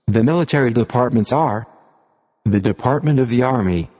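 A computer-generated man's voice reading formal text aloud as scripted narration, in an impersonal, measured manner. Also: mid-range voice, a little mellow, slightly rough. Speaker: narrator of an audio reading series. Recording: long hall-like reverb.

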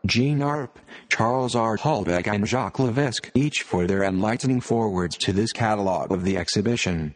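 A computer-generated male voice like an old speech synthesizer, reading scripted narration with stiff, robotic, measured phrasing. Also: on the low side, in a large hall. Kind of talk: scripted narration, read aloud.

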